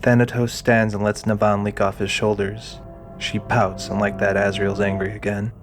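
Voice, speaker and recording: A man narrates a fantasy audio drama in a deliberate, storytelling manner. His fairly low voice holds level with little pitch movement, and faint music plays underneath.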